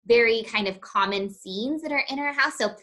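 A woman's voice: on the high side, normal speed. A woman hosting an interview, affirming her guest, with many ums and sort-ofs. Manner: warmly affirming, lots of "um" and "sort of". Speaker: host. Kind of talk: interview conversation.

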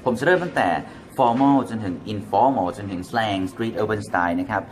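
A man's voice: lowish voice, slow pace, slight background noise. Thai man teaching casual English phrases. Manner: switches between English and Thai, acts out example phrases. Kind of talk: casual language lesson.

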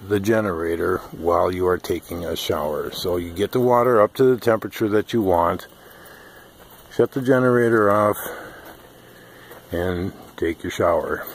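A man's voice: fairly low pitch, a little hiss or hum. A man casually walking through a DIY project outdoors at a rural homestead, talking behind a handheld camera with lots of ums. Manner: unhurried, many ums, explains while filming. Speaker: off-grid DIY vlogger. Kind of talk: casual how-to walkthrough.

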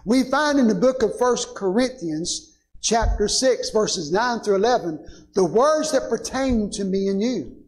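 Male pastor, very high voice, unhurried sermon delivery, asks the congregation for amens. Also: lively intonation, rough recording. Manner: preaching with rising emphasis, calling "Amen?" to the congregation. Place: church sanctuary.

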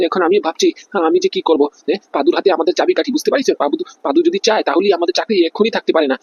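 This man's high, somewhat dark and slightly rough voice plays a bribe-taking cop in a cartoon comedy: feverish, panicky, whiny and flustered, constantly checking "understand?". The delivery is exaggerated, and the top frequencies are cut off.

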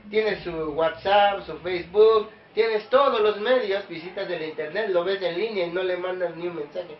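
A man's voice: high voice, slight background noise. A man preaching a sermon to a small congregation, questioning listeners directly and rising to emphatic peaks. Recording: echoey room, dull lo-fi sound.

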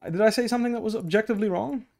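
This is a young Dutch-native man talking very fast in a high voice that's gravelly yet a little mellow. He coaches on a casual stream, replying to chat and explaining each step with many okays. He wears a headset at his desk in a small room indoors.

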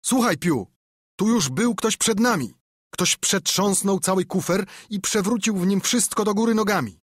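A rough pirate thug, as a narrator puts him on, yelling his reports in a raised, husky voice. Dry, close audiobook sound. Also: high-pitched, moderate pace, no room sound, pitched above the performer's own voice. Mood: alarmed.

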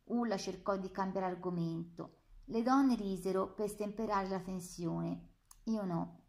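A woman narrates a literary novel in first person. Her delivery is calm and measured, steady through description and dialogue. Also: medium pitch, vocal fry. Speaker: audiobook narrator.

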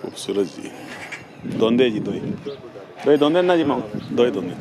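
A man's voice: mid-range voice, sing-song, a little slow. A man giving casual on-site commentary at a cattle farm, repeating short admiring exclamations. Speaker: videographer showing cattle for sale. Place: outdoor cattle farm yard. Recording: noisy outdoor farm recording.

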